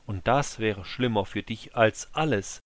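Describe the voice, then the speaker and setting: A man voicing a stern army commander who forcefully rebukes his king. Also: fairly low pitch, measured pace, no room sound, lightly acted. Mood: reproachful. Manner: forceful, reproachful.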